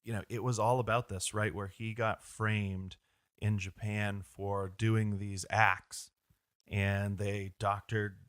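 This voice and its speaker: A man's voice: on the low side, level tone, takes it slowly, a bit bright, no echo, clean studio sound. A man co-hosting a podcast in casual conversation, asking leading questions and cracking jokes. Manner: joking, asks leading questions. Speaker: podcast co-host.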